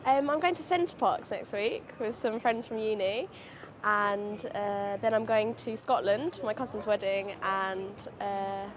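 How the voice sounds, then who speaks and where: A young woman listing travel plans with many pauses and fillers. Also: mid-range voice, crowd noise. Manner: hesitant, with fillers. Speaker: interviewee. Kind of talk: casual chat.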